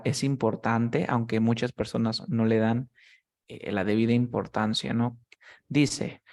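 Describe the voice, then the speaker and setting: A man's voice: mid-range voice, darkish tone. A young man teaching English grammar one-on-one, explaining each rule patiently and stopping often to check that his student follows.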